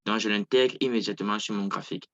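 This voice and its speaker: A man's voice: lowish voice, steady tone, quick pace, fairly bright tone. Hesitant man on a muffled video call. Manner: hesitant, many fillers and restarts. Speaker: trading coach hosting a Zoom session. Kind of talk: casual explanation on a video call.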